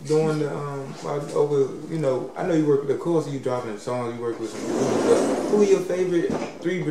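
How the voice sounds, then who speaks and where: A man asking halting, casual questions as an interviewer. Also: fairly high pitch. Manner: halting questions, repeated short agreements. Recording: echoey room, distant mic, faint noise.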